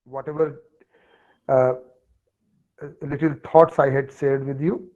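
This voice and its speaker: A man with a North Indian accent giving an extempore online lecture in a halting, hesitant manner. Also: level tone, darkish tone. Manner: halting, with many long hesitations. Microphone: online call on a phone. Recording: dull, low-fidelity online call audio.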